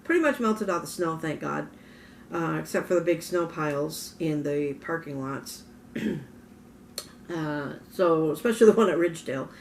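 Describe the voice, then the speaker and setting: A woman's voice: sits low, expressive, normal speed, a little hiss or hum. A woman from Minnesota vlogging in a casual, rambling way, often correcting herself, with a morning voice. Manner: rambling, self-correcting storyteller. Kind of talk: casual talking-head vlog.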